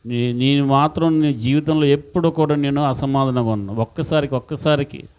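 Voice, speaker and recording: A man preaching a sermon as pastor, impassioned and repetitive, swinging between loud outbursts and hushed words. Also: medium pitch, fairly quick, clear, resonant tone.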